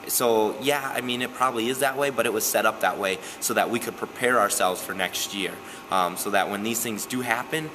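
A young man coaching softball talks through a postgame interview in a gym. His voice sits low, and he speaks with earnest steadiness, often pausing on "um". A clear hiss runs under the recording. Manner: earnest, steady, frequent "um" fillers. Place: gym, indoors.

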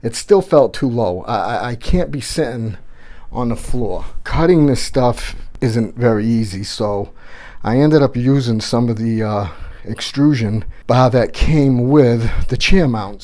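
A middle-aged man with a mid-range, slightly mellow voice and measured pace hosts a tech and gaming channel. In a casual build walkthrough vlog filmed on a handheld phone, he rambles loosely and slangily through a home-built setup in his gaming room.

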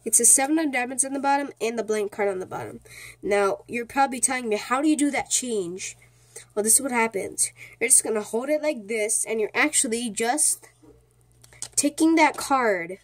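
A speaker giving a casual, step-by-step card trick tutorial in an informal, repetitive way, often checking in with the listener. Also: mid-range voice. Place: indoors at a small table.

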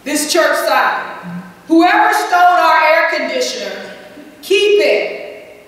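Slow, high-voiced woman preaching. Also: big pitch swings, a bit bright. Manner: slow, emphatic preaching with call-and-response "Amen?". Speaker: pastor. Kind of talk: sermon. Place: church sanctuary. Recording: echoey church sanctuary from far off with faint hum.

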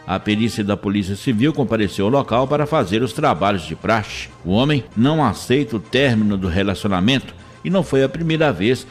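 A man with a Minas Gerais accent reading a police news bulletin in a steady, formal way. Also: mid-range voice.

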